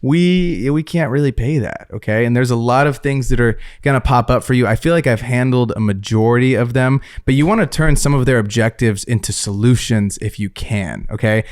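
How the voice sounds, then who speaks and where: A man's voice: medium pitch, fairly quick, few pauses, smooth. A man hosting a casual podcast chat, emphatic and swearing casually as he gives advice. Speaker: podcast host.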